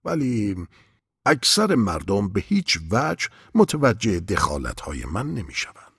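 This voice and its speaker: A patient old mystic, voiced by a male narrator, talks slowly and instructively in a deep, breathy voice. The delivery swings freely in pitch, and the sound is close and dry. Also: huge pitch swings, a bit bright, no room sound, heavily acted. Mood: calm. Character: wise old king, calm and mysterious.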